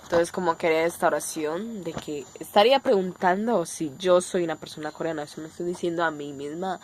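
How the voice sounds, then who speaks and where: A woman's voice: fairly low pitch, fairly quick, a little hiss or hum. A woman from Colombia with a Colombian Spanish accent, teaching a casual online language lesson and explaining step by step, often checking in with her viewers.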